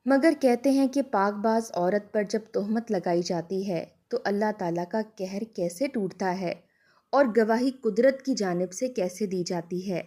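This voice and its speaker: A woman's voice: medium pitch, dark tone. A woman narrating an emotional story in an earnest, dramatic way.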